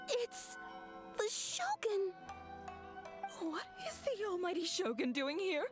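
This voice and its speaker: A woman's voice: very high voice, wildly swooping pitch, slow pace, over music, heavily acted. A woman playing a startled, awestruck townswoman in a video game.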